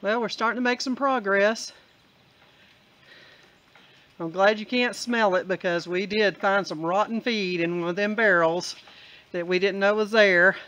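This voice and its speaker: A person filming and narrating homestead chores in a relaxed, step-by-step way. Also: medium pitch, unhurried, pauses often, poor audio. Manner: easygoing, explains step by step with fillers. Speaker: camera operator and co-narrator. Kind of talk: casual vlog narration.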